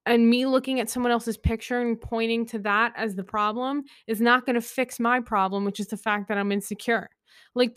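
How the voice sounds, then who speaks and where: A woman's voice: on the high side, a bit bright, clean tone. A woman in her twenties hosting a solo podcast, rambling through opinions in a chatty, candid way with lots of fillers. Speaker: podcast host.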